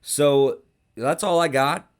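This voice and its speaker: A man's voice: on the high side, slow, smooth. A man hosting a sports podcast, telling stories in a casual, rambling way with plenty of swearing. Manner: profane, rambling, animated storytelling. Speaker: podcast host.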